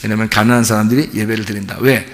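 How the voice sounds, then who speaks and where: Gravelly-voiced pastor preaching. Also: male voice, fairly low pitch, steady tone, racing, in a large hall. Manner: conversational preaching, acts out dialogues with God. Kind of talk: sermon. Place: church sanctuary.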